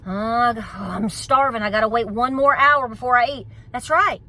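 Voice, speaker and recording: A middle-aged homesteading vlogger from the United States, speaking with a Southern Appalachian accent, delivers an emphatic, folksy pep talk in casual vlog style. Her voice is a little high and sharp in tone, at a normal speed.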